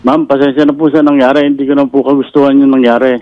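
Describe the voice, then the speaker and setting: Man, fast-talking, loud, defensive, muffled line. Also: mid-range voice, level tone. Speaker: bus driver caller.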